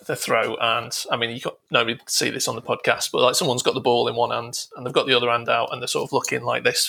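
Gravelly, bright-toned hesitant man. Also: mid-range voice. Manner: hesitant, lots of ums, rambling. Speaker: podcast guest. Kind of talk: casual chat.

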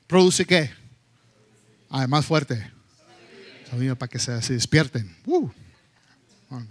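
A pastor delivers his sermon slowly and deliberately, his voice sitting high for a man. He is animated, slipping into English phrases and sometimes acting out scolding his kids. It sounds like a church service. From United States. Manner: animated, acts out scolding his children in high loud bursts; slips between Spanish and English.

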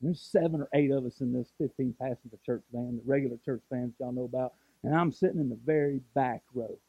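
A man's voice: mid-range voice, fast, slightly rough, no room sound, muffled recording. Man, 40s, pastor; storytelling sermon, repeats himself, dry close recording. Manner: storytelling, repeats words, builds to impassioned.

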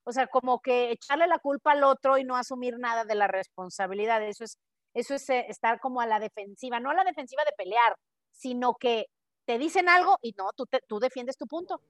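Animated Mexican woman, high voice. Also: brisk, no echo, clean studio sound. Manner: animated, acts out quoted dialogue. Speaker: podcast co-host. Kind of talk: casual podcast chat.

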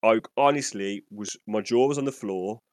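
Dry, low-voiced man telling stories. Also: normal speed, no room sound. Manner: animated storyteller, rambling and enthusiastic. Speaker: podcast co-host. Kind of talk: casual storytelling chat.

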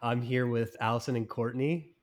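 A man's voice: mid-range voice, steady tone, moderate pace. A man moderating a casual podcast chat, easygoing and joking as he asks friends questions.

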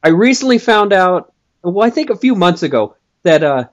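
A man's voice: high voice, very animated, normal speed. A man chatting casually as a guest, hesitant and full of filler words. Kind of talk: casual chat.

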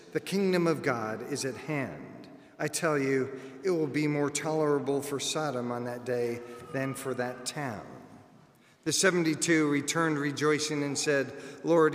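A man, a clergyman, reads the Gospel aloud at Mass in a measured, formal way. The sound has a cathedral-like echo. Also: mid-range voice, fairly bright tone. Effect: cathedral-like echo with long reverb. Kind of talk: liturgical Gospel reading. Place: large church during Mass. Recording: echoey church hall, long reverb.

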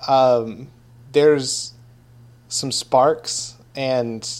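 A man running a tabletop game as game master, narrating in a relaxed way with many fillers. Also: mid-range voice, very slow.

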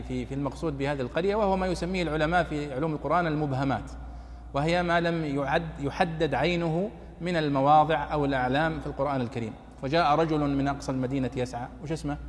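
A man teaching a classical Quran commentary, explaining quickly with loose, conversational asides. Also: fairly high pitch, big-room sound, slight background noise. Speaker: sheikh teaching tafsir.

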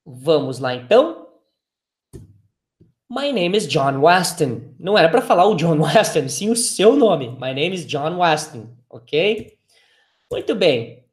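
A man with a Brazilian Portuguese accent, teaching English and saying phrases slowly and clearly so learners can repeat them. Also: fairly high pitch, very animated. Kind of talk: language lesson with repeat-after-me drills. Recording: echoey room.

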